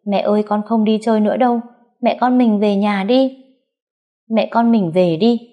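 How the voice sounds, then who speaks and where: A woman's voice: mid-range voice, moderate pace, highs cut off, voice pushed up, natural voice. A woman voicing a small boy who cries and begs for his mother in a spoken story. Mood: pleading. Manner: pleading, wailing.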